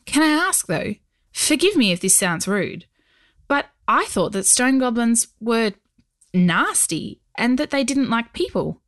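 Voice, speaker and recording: Woman as earnest miner boy, polite, raised pitch, lively, storybook. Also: unhurried, no echo, clean studio sound. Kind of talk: storybook reading.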